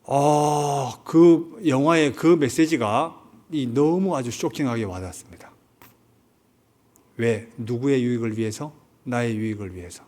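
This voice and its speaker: A man's voice: mid-range voice, measured pace, darkish tone. A man preaching a Sunday sermon as pastor in a church, retelling a story and asking his listeners questions. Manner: retells a film story, asks the congregation questions. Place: church sanctuary.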